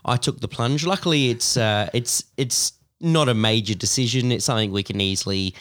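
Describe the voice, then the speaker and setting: A man's voice: medium pitch, fairly bright tone, no room sound. A man co-hosting a casual studio podcast, joking dryly with many fillers, his voice not fully back after losing it. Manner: dry jokey, halting with fillers. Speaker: podcast co-host.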